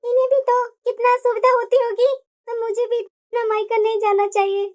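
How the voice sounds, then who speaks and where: Young cartoon bride, earnest and pleading, very high-pitched; voiced by a woman. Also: flat delivery, moderate pace, noisy background. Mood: upset. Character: young married woman, a fretful daughter and daughter-in-law. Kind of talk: cartoon voice acting.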